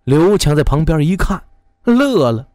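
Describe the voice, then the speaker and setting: A male storyteller reading a folk tale with a voice that climbs high and swings widely. His delivery is animated and expressive, and the recording is dry and close to the mic. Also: measured pace, no echo. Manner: lively and expressive, many voices.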